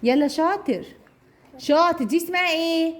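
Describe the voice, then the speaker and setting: A woman with an Egyptian accent leading a children's speech lesson, praising often and drawing out key words as she repeats them. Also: extremely high pitch. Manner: slow drawn-out repetition of target words. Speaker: speech therapist teaching young children. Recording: noisy room recording.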